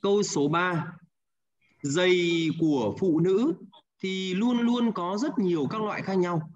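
A man's voice: high voice, takes it slowly. Male Hanoi teacher, patient, checks in often, muffled line. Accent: Hanoi Vietnamese. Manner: patient, repeats answers, ends with "đúng không ạ?". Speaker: English teacher. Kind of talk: online class, guiding students through exercises.

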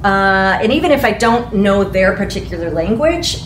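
A woman in her forties from Ecuador, a real estate agent whose first language is Spanish, gives earnest answers in a panel interview, gesturing as she explains in front of a large screen in a meeting room. Her voice is medium-pitched with lively intonation at a normal speed. A far camera mic captures her from a distance, so the room sounds echoey with faint noise.

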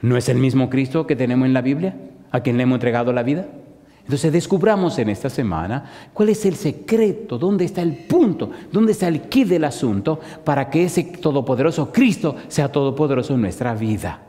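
A man preaching a sermon, firing rhetorical questions at the crowd and swinging from loud bursts to slow, hushed emphasis. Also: medium pitch, lively intonation, big-room sound.

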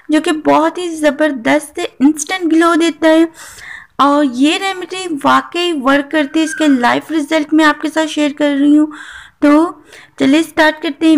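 High-pitched woman talking through a face veil, explaining a beauty tip in a chatty way. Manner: chatty, instructive, mixes English words. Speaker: beauty vlogger. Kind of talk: casual tutorial vlog.

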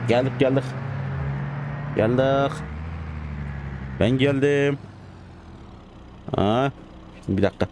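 A man giving casual, excitable commentary as he plays a driving game, scolding the computer drivers. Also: medium pitch, slow pace, pauses often. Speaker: gaming channel host. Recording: loud game car noise behind.

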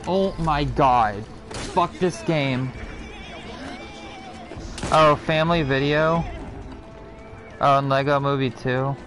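A man's voice: mid-range voice, slow, pauses often, a bit bright. Swearing, fed-up male game streamer. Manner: frustrated, swearing, exclaiming. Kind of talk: live gameplay commentary. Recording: game music playing behind.

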